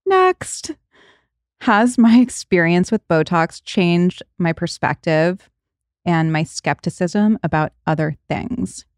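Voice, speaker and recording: A woman's voice: lowish voice, slow pace, darkish tone, no echo, studio quality. A woman in her late thirties hosting a podcast, chatting casually, laughing often and trailing off mid-thought. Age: 30s. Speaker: podcast host. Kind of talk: casual chat.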